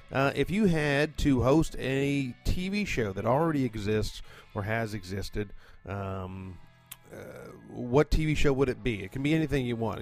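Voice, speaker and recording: Rambling, profane man hosting a podcast. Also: lowish voice. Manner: chatty, profane, rambling with many fillers. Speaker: podcast host and producer. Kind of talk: casual rambling monologue. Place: condo at home.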